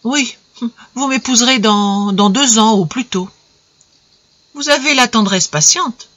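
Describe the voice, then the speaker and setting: A woman's voice: on the high side, unhurried, fairly bright tone, dry recording, highs cut off, voice pushed up. A woman reading aloud, voicing a distraught, resolute young society wife in a story. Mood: anguished. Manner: pleading, then firm and grave.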